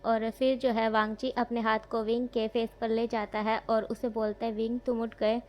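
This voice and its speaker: A woman's voice: fairly high pitch, little pitch movement, moderate pace. Casual woman retelling a love story. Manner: casual, many fillers and self-corrections. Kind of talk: retelling fan fiction.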